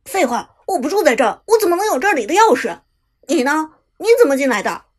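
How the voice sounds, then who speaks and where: Lady reading as a loud hysterical young guy, yells fast and high in a storybook. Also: big pitch swings. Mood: indignant. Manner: shouting, hysterical, rapid. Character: brash hot-headed young man, a girlfriend's cousin.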